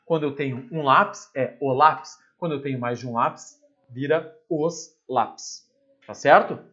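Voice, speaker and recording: A man's voice: mid-range voice, moderate pace, a bit bright, muffled recording. A male teacher explains grammar in a chatty way, asking rhetorical questions and dropping asides. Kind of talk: recorded grammar lesson.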